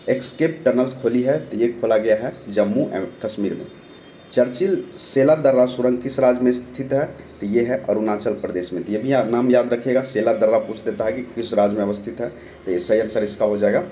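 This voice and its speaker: Running an online exam-prep lesson on current affairs, a young man from Bihar reads questions aloud, answers them, and drills the names worth memorizing. He has a sore throat and a dark, mellow voice at medium pitch. Faint noise sits behind him.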